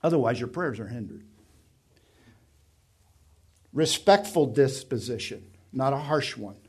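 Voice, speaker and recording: A man's voice: mid-range voice, animated, measured pace, breathy edge. A middle-aged man preaching a sermon as pastor, with an emphatic, varied delivery.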